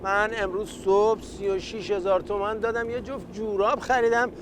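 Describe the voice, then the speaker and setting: Man as taxi-driver son, high voice, chatty complainer, cheeky, effusively polite, satirical comedy, noisy vehicle recording. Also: fairly even intonation, close to an everyday voice. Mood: joking. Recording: clear vehicle and street noise.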